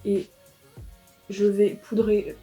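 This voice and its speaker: A woman's voice: mid-range voice, completely flat delivery, extremely slow, mellow, breathy edge, faint music behind. Chatty teen girl reviewing makeup. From France. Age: teens. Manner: chatty, rambling with fillers and restarts. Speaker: beauty vlogger.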